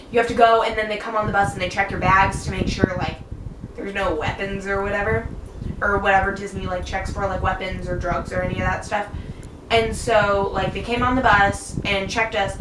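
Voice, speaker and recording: Gushing teen girl vlogger, roomy echo. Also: mid-range voice. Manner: gushing, excitable, many fillers. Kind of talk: casual storytelling. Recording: echoey room, far from mic, noisy.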